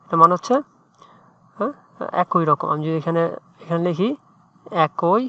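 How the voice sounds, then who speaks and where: A man's voice: a little high, moderate pace, sharp tone, no room sound. A man tutoring English in a chatty, informal way, often checking in with "right?". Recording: muffled dry lo-fi mic.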